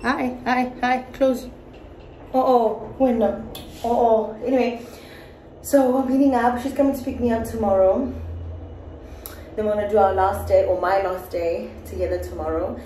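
A woman in her twenties vlogging casually to a phone camera in a hotel room, chatty and animated, with bursts of excitement. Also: fairly high pitch, moderate pace, long pauses, slight background noise, low-quality recording. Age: 20s. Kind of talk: casual vlog chat to camera. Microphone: phone camera at arm's length.

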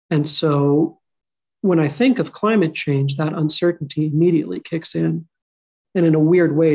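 Over a webcam video call from a home room, a man raised in Qatar takes part in a panel as an author, reflective and quick to poke fun at himself. His voice runs on the high side, gravelly and a little mellow, and the recording is rough.

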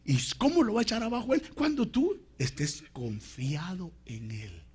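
A man preaching a sermon, calling his listeners brother and swinging between shouts and whispers. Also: sits high, huge pitch swings, normal speed, breathy edge. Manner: addresses listeners as hermano.

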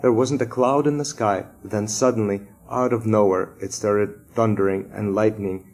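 A man voicing a sweet-talking but quietly cruel woman substitute teacher in a children's story. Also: on the low side, fairly even intonation, moderate pace. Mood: sweetly sly. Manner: sweet, gushing, raised voice.

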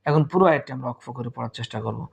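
A man teaching Quran reading, spelling out each letter and vowel mark and then chanting the joined word slowly. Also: mid-range voice, creaky, husky. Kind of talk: slow spelling-out recitation lesson.

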